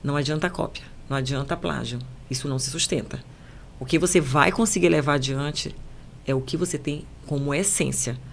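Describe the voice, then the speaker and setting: Woman, Paraense accent, low voice, podcast guest, measured, emphatic. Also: creaky, slight background noise. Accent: Paraense Brazilian Portuguese. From Belém, Pará, Brazil. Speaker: journalist guest. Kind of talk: podcast conversation.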